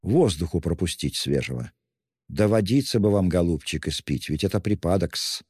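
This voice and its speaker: A sly, ingratiating middle-aged police investigator voiced by a man reading an audiobook, all wheedling endearments and fussy mockery. The voice is dark and low but pushed up in pitch for the part. A long hall reverb trails behind it. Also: lively intonation, normal speed, breathy edge, clean studio sound. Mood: fussing.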